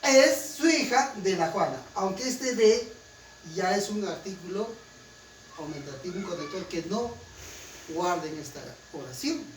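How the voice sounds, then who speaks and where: A man's voice: high-pitched, expressive, a little slow. A man with a Peruvian Spanish accent from Huancayo, teaching a class in an emphatic way and often asking students to confirm. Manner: emphatic, keeps checking with students. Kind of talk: classroom lecture. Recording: roomy, distant, faint room noise.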